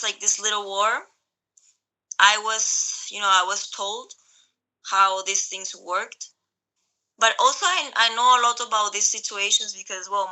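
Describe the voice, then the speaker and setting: Bright-voiced young woman, hesitant speech. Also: medium pitch, low-quality recording. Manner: hesitant, many fillers and restarts. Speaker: interviewee. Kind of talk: casual conversational recollection. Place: Greece.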